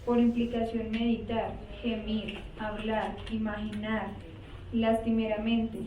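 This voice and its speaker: A woman student reads dictionary definitions aloud in a class, one word after another in a flat, even tone. She sits well away from the mic. The recording sounds dull and roomy, with faint noise behind her. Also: a little high, slow pace, recorded from a distance. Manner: flat, list-like reading.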